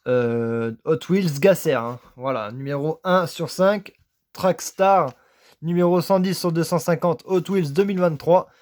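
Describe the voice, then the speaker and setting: A man from France, talking casually about his toy car finds, enthusiastic and halting, piling up "very" again and again. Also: a little high, a little mellow. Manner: enthusiastic, repeats "très" over and over, halting with many "euh". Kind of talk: casual unboxing commentary.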